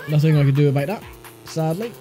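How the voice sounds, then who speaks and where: Here the stuffy-nosed YouTuber talks fast, his voice on the high side and warm in tone. A sinus infection has him congested as he tosses off wry, deadpan remarks about the racing game he's playing, game music in the background.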